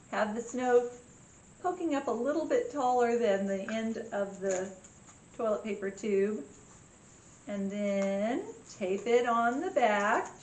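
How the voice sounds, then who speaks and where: A woman presenting a step-by-step craft tutorial for children, with simple instructions and a cheery children's-host way of talking. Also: on the high side. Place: indoor room with echo. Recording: echoey room with faint background noise.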